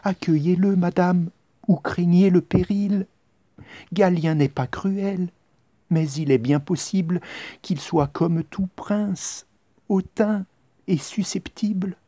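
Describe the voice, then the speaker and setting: A man's voice: sits high, slow, warm tone, dry recording, voice pushed up. A man voicing an anxious, pleading confidant, urgent exclamations in rhymed verse.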